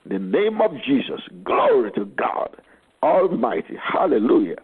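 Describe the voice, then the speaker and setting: A man leading fervent healing prayer as a faith healer, declaiming commands in a repetitive, insistent way with a husky voice. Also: sits high, huge pitch swings, normal speed. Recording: dull lo-fi radio sound.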